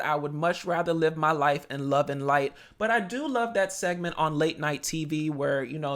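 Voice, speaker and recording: Man, 30s, high voice, sassy, animated, casual podcast host. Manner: animated, sassy, with playful exclamations.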